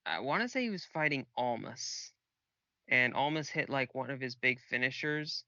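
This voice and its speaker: A man's voice: mid-range voice, lively intonation, moderate pace, sharp tone, no echo, lo-fi sound. A man co-hosting a podcast, chatting casually and rambling with lots of fillers. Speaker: podcast co-host. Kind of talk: casual chat about wrestling.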